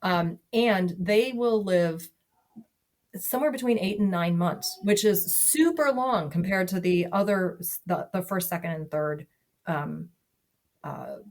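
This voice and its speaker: A woman's voice: lowish voice, a little slow, darkish tone. A woman talking casually as a podcast guest, chatty, with lots of fillers and restarts. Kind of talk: casual conversation.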